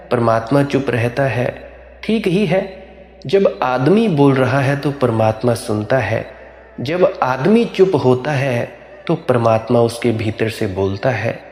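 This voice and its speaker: A male spiritual teacher speaks in a slow, measured, contemplative way, returning again and again to short refrains. His voice rings in a large reverberant hall. Soft music plays faintly underneath. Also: mid-range voice. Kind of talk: spiritual discourse.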